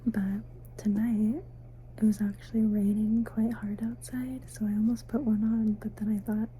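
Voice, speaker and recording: A woman giving a soft, sleepy, casual ASMR ramble, mostly in a breathy whisper, unhurried and intimate as if talking to the listener. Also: mid-range voice, level tone, a little hiss or hum, rough recording. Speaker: ASMR host. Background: faint night ambience, crickets outside.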